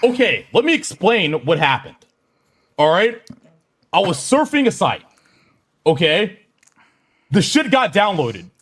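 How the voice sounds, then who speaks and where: High-pitched, defensive, exasperated man. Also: big pitch swings, unhurried, long pauses, fairly bright tone, slightly rough. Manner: defensive, exasperated, sweary, repetitive. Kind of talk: casual streamed self-defence.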